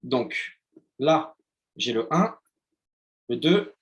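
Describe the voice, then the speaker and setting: A man's voice: mid-range voice, animated, drawn-out words. A man teaching a live online trading lesson in a chatty way, often checking in with his listeners and using playful sound words. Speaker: trading instructor.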